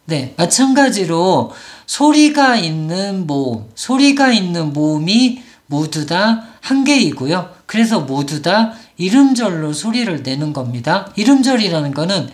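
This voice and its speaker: A woman teaching English pronunciation, explaining patiently and modelling each word slowly, several times over. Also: lowish voice, sing-song. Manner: patient, models words slowly and repeats them. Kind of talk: explanatory lesson.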